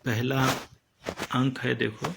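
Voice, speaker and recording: A man teaching a lesson slowly and deliberately, repeating each term as he explains it. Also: mid-range voice, little pitch movement, vocal fry, noisy background.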